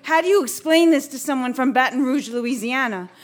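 A woman telling a comic personal story live on stage, playful and animated. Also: high-pitched, brisk.

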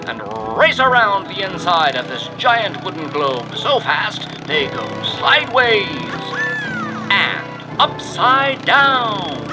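An actor playing a showy carnival barker who pitches a stunt show in a booming, theatrical way, with music behind him. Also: male voice, full character voice, rough recording. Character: showy carnival barker man, loud and grand. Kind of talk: audio drama acting.

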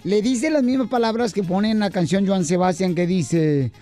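Male comedy radio host, loud and playful, faint music behind. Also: sits high, normal speed. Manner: playful, loud, laughing between jokes.

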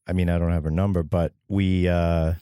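A wisecracking man in his forties co-hosts a podcast in loose, teasing banter. His voice sits on the low side. The sound is close and dry with no room around it. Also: little pitch movement, normal speed, dark tone, clear, resonant tone, no room sound. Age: 40s. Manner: wisecracking, interrupting. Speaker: podcast co-host. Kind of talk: casual banter.

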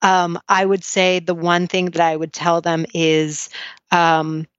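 A woman with a fairly low voice talks casually as a podcast guest. Her s sounds are a little slushy and slurred, and she is chatty and self-deprecating. The recording is dry and slightly dull. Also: monotone, slow, clean tone, no echo. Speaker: podcast guest, author and blogger. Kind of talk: casual interview chat.

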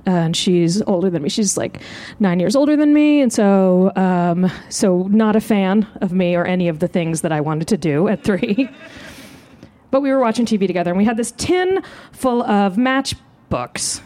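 A woman comedian telling a comic story live on stage, animated and self-mocking. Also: moderate pace. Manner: animated, self-mocking, jumps into high voices. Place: live show outdoors.

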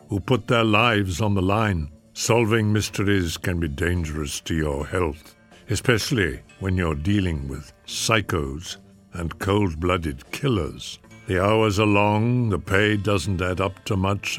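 Pitched low, a man hosting a radio drama series reads a scripted introduction. His manner is measured and theatrical.

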